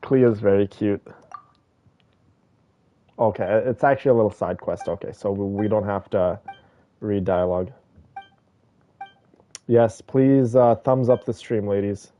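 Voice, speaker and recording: Talking straight to his audience, a man streams gameplay in a relaxed, talkative, enthusiastic way. His voice is on the low side and warm, slow with long gaps, heard through dull, band-limited stream audio over background music.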